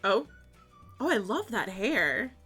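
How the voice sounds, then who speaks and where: A woman's voice: medium pitch, slow, slightly rough, faint music behind. A young woman hosting her own gaming channel, chatting casually and reacting to a trailer with gasps and gushing. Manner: excitable, gasping and gushing. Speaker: gaming YouTuber.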